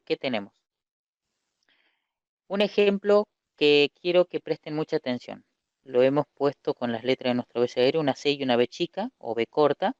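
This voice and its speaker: A man's voice: on the high side, darkish tone, clean tone, dry recording, dull audio. A male teacher giving a recorded lesson, patiently explaining step by step and asking questions that he then answers himself.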